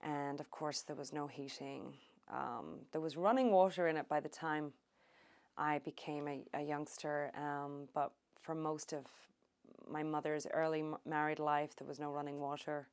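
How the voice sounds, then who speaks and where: A middle-aged woman from Ireland, recalling her country childhood in an oral history interview, unhurried and thoughtful with many pauses. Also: low voice, fairly even intonation. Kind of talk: reminiscing interview.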